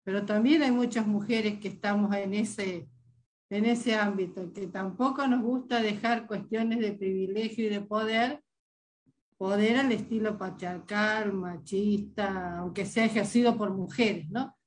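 A woman's voice: medium pitch, steady tone, a little slow, a little hiss or hum, poor audio. Older woman with a head cold. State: has a bad cold. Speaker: webinar participant. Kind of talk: informal spoken comment. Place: indoor room at home on a video call.

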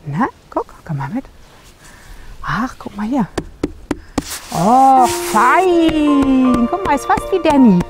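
A woman's voice: high-pitched, animated, slow pace, long pauses, music in the background. A woman horse trainer coaxing and soothing a horse during groundwork, praising it often and adding brief asides to the viewer. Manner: talks gently to the horse, with short asides to the viewer.

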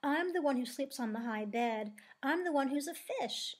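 A woman's voice: a little high, animated, moderate pace, slightly rough. A woman voicing a jealous, boastful female plush stingray toy. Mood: huffy.

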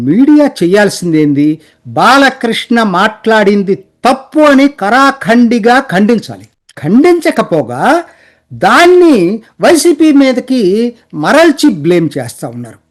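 A man delivering an emphatic, indignant political commentary monologue, firing off rhetorical questions and addressing listeners politely. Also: high-pitched.

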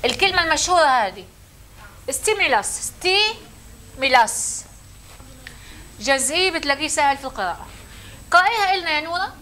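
A woman's voice: high voice, expressive, racing, bright, forceful tone, slight background noise. Woman lecturing a class. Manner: questioning, calls on students.

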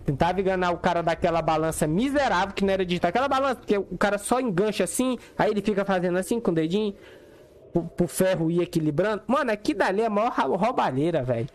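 A man's voice: sits high, lively intonation, fast talker. A young man with a Brazilian Portuguese accent giving slangy, chatty commentary while streaming a game and talking to his chat. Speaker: gaming streamer. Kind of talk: casual gameplay commentary.

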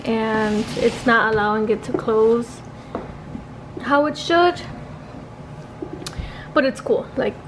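A woman's voice: fairly high pitch, takes it slowly, long pauses, background noise. A woman freelance makeup artist chatting casually in a vlog, full of "um" and "like". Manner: chatty, many fillers like "um" and "like".

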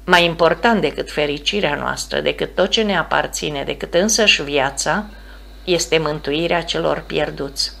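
A woman reading the part of a devout young bride-to-be, speaking softly and earnestly. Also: low voice, creaky, exaggerated voice. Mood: firm. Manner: soft, earnest, reassuring.

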